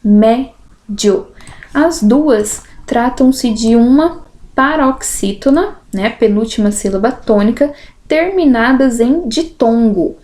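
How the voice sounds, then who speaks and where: A woman teacher with a somewhat high but mellow, dark-toned voice. She goes through exam questions step by step. She breaks words into syllables and keeps checking in with the listener. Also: expressive, slow pace. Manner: syllable-by-syllable explanation, uses diminutives and "né".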